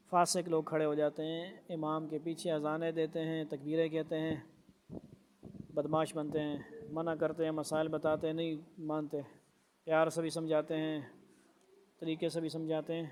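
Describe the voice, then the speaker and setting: Brief: male religious teacher, higher voice, monotone reading, asks the class questions, faint hiss underneath. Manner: reads a passage, then asks rhetorical questions and explains. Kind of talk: reading a religious book aloud with commentary.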